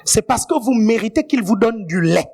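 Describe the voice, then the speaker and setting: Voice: mid-range voice, animated, normal speed, vocal fry, a little mellow. A guest preacher giving a sermon, often checking in with the congregation and adding playful asides.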